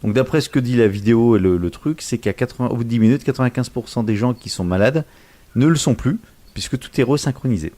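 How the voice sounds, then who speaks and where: A man's voice: mid-range voice, fast, warm tone. A man co-hosting a casual tech news podcast, joking and searching for words as he goes. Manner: joking, hunts for words mid-sentence. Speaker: podcast co-host.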